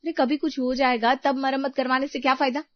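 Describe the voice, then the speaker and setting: A woman's voice: high-pitched, level tone, brisk, no room sound, voice pushed up, close to an everyday voice. A woman voicing a put-upon young daughter-in-law who complains and pleads in a storybook drama. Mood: complaining. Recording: dull lo-fi recording.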